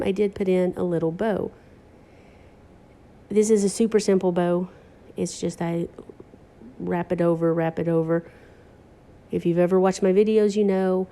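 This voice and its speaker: A woman's voice: on the low side, dark tone. A woman hosting a chatty craft tutorial, stuffy from allergies, joking about her own mistakes. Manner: chatty, self-deprecating, enthusiastic about textures. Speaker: craft video host.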